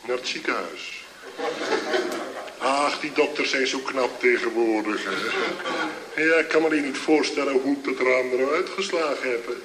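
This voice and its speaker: A man's voice: mid-range voice, a little slow, close to an everyday voice. An actor playing a hungover, groggy man who rambles and chuckles through a phone call to his drinking buddy in a comedy sketch. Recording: old echoey recording with loud hiss.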